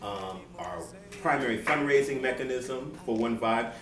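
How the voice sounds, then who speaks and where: A man in his thirties from Seattle, a guest answering in a relaxed, earnest way during a live on-stage interview. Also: medium pitch, normal speed. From Seattle, USA. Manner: relaxed and earnest, many "um" fillers. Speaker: guest, board member of a nonprofit. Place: event venue with live audience. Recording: echoey venue, distant mic, music behind.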